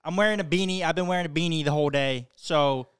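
Young male podcast co-host, higher register, slangy frat-bro banter. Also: quick pace, fairly bright tone, smooth. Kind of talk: casual banter.

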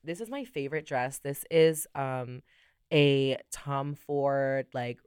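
A young drag performer chatting as a podcast guest, telling stories with lots of fillers and acted-out quotes, recorded on a studio mic. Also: female voice, extremely low pitch, takes it slowly, darkish tone, smooth, dry recording. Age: young adult. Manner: chatty storyteller, many fillers, acts out quotes. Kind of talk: casual podcast chat.

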